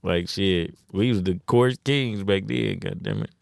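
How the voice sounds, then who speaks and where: Deep-voiced laid-back man from Detroit. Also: unhurried, gravelly, no echo, clean studio sound. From Detroit, USA. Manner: laid-back, heavy slang, many "you know what I'm saying". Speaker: rapper, podcast guest. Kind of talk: casual interview.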